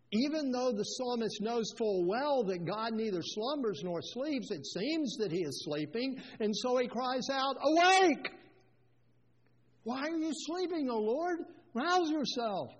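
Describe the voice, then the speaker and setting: A man's voice: sits high, a little mellow, husky, highs cut off. A male pastor preaching a sermon, earnest and building to fervent moments. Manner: earnest preaching, rises to fervent scripture quotes.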